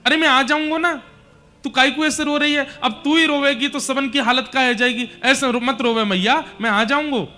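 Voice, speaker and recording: Man, go well above your own pitch as the loving boy Krishna: coaxing, reassuring, Braj accent, gentle and quick. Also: fairly even intonation, soft background music. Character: boy god Krishna, loving, comforting his mother.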